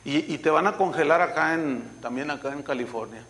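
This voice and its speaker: Speaking a little fast in a slightly high voice, a Mexican-accented pastor preaches amid slight background noise. He brings his stories to life by acting out quoted people's voices, chuckling along the way.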